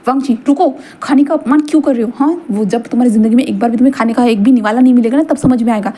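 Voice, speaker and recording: A stern middle-aged father who scolds and lectures without pause, dropping a sharp "haan" between complaints, as a woman reader puts him on. The voice is high-pitched but darkly mellow, read aloud as a story. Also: natural voice. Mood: scolding.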